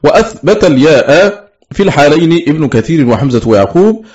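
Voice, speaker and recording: A man's voice: on the high side, very animated, a little fast, darkish tone. A man reading a scholarly text aloud for an audiobook, steadily and methodically listing one item after another. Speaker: audiobook reader. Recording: dull lo-fi recording.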